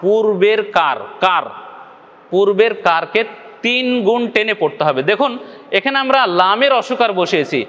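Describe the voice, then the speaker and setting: Patient bangladeshi guy teaching recitation, keeps asking if u get it, highish voice, reverb-y room. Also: lively intonation, moderate pace, fairly bright tone, lo-fi sound. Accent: Bangladeshi Bengali. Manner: patient, repeats each point, often asks the viewer if they follow. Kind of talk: video lesson.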